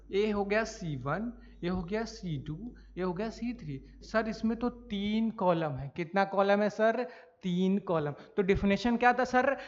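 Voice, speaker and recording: This is a maths lecture by a man with a high-pitched, slightly bright voice who often restates key ideas and answers the questions he raises himself. Now and then he coughs, and he calls the class "sir" and "bhai"; the recording is lo-fi and dull.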